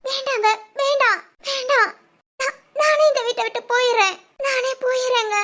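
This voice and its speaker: A woman's voice: extremely high pitch, steady tone, moderate pace, sharp tone. A woman playing a frightened young pregnant wife who stammers and hesitates in a village family drama. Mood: fearful.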